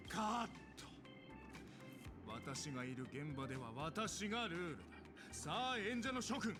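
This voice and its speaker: Theatrical, menacing villain film director, high-pitched. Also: male voice, expressive, unhurried, loud music behind the voice. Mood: commanding, menacing. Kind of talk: Japanese game voice acting.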